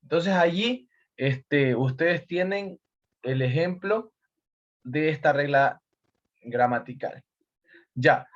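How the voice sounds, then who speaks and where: A man's voice: a little high, slow, pauses often, muffled recording. A male teacher from Ecuador giving a recorded lesson, explaining step by step and repeating key points with emphasis.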